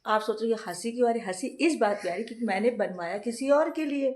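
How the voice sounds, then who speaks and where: A woman chats casually at home in a vlog while she is unwell with a fever. She tells her story at length and keeps breaking into laughter. Her voice sits at an ordinary middle pitch in a roomy, echoey room. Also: quick pace. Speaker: vlogger, mother.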